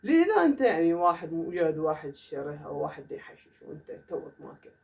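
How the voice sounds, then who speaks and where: A man with an Iraqi Arabic accent teaching an English grammar lesson in a classroom, saying the English examples slowly and carefully. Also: a little high, sing-song, creaky, a little mellow, dull audio. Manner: says English example sentences slowly and deliberately. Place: classroom with a whiteboard. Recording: voice from far off the mic.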